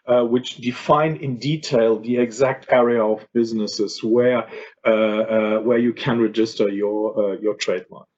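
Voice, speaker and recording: A man with a hoarse, fading voice presenting at a workshop, explaining things with many fillers and restarts. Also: mid-range voice, darkish tone. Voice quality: husky. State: hoarse, losing his voice. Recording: dull lo-fi audio.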